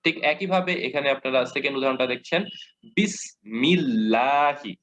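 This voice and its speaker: A man with a Bangladeshi Bengali accent teaching a lesson, patiently repeating examples and modeling slow recitation. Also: fairly high pitch, lively intonation, a bit bright. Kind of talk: explanatory lesson. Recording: dull lo-fi audio.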